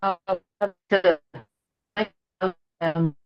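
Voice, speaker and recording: A man speaks up on a video call whose sound keeps breaking up and cutting out, his words halting and trailing off mid-phrase. His voice sits a little high for a man and comes through a dull, muffled, dry line. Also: fairly even intonation, no echo, soft background music. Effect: breaking-up video call audio, cutting in and out. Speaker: public commenter. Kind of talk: public comment at a county meeting.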